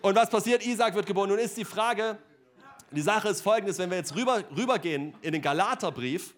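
A man preaching a sermon to a congregation in a conversational, joking way, often laughing and dropping into quiet asides before loud exclamations. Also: sits high, fairly quick. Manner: conversational, jokey, laughs often, many fillers like ne and äh.

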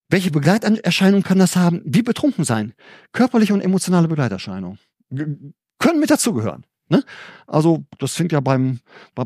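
A man preaching an informal sermon in a conversational way, with frequent restarts and tag questions, his pitch rising when he gets enthusiastic. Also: darkish tone, dry recording, clean studio sound.

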